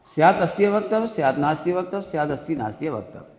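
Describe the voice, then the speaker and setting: A man teaching a religious workshop, slowly explaining with everyday examples and often asking whether everyone understood. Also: on the high side, lively intonation, darkish tone. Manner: keeps asking listeners if they understood. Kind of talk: classroom-style religious discourse. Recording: reverberant hall sound.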